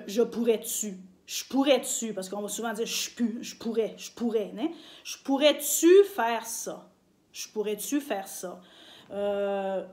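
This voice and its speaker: A woman's voice: mid-range voice, a little mellow. Quebec woman doing a chill lesson vid, lots of euh and little laughs, mid voice. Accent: Québécois French. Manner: chatty, many fillers, laughs easily. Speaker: language teacher on her channel. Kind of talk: casual video lesson.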